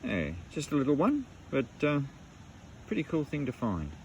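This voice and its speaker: Out on the goldfields in the rural bush, an Australian man metal detects and talks casually, laid-back and salty, dropping Aussie slang and the odd mild swear. His voice is a little high with huge pitch swings at a normal pace. The camera mic picks up dull audio, a little hiss or hum, and wind at times.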